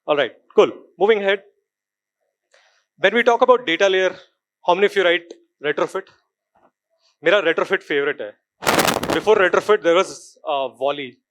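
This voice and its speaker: Indian guy on stage at a dev conference, talks fast, kinda high voice, keeps asking the crowd stuff. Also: a bit bright, a little hiss or hum. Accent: Indian English. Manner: quizzes the audience, slips into Hindi. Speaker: conference speaker. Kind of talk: live technical talk.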